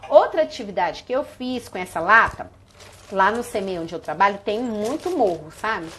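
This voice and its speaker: A woman's voice: medium pitch, lively intonation, moderate pace, fairly bright tone, a little hiss or hum. A Brazilian woman teacher live-streaming a class demo, showing other teachers activities with props and sung greetings. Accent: Brazilian Portuguese. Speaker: early childhood teacher.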